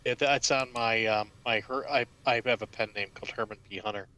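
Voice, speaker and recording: A man's voice: mid-range voice, fairly even intonation, brisk, pushed and bright. A man talking casually as an author, rambling with fillers and restarts. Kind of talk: casual chat.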